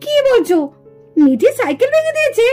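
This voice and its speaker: A woman's voice: extremely high pitch, big pitch swings, brisk, darkish tone, faint music behind. A woman voicing a busy, patient young mother in a doll puppet show, asking puzzled questions and soothing others. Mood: calm.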